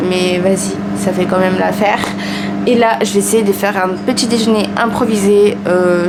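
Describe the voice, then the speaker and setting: A young woman from France, eighteen, chatting casually to her viewers at home in an animated, self-mocking way. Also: medium pitch, noisy background. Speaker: vlogger. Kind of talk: casual vlog chat to camera. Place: home, indoors. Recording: music playing clearly behind.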